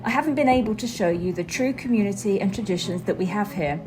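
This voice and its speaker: A woman giving calm, reflective scripted voice-over narration for her vlog. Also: mid-range voice, quick pace, over music. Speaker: vlogger.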